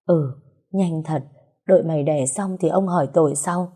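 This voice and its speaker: An elderly grandfather scolds his granddaughter with gruff tenderness, his voice choked up, as a woman reads him aloud. The tone is low and warmly dark. It belongs to a storybook audiobook. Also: moderate pace. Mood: tender scolding. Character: emotional elderly grandfather, gruff but loving.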